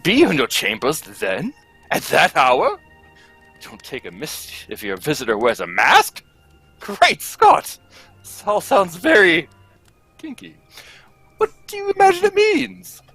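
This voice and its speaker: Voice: mid-range voice, huge pitch swings, slow pace, pauses often, a bit bright, husky, no echo, faint music behind, full character voice. A performer playing Doctor Watson as an amiable, curious, easily astonished male companion in a theatrical radio play reading. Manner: theatrical, exclamatory, questioning. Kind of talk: live radio play reading, old-time radio acting.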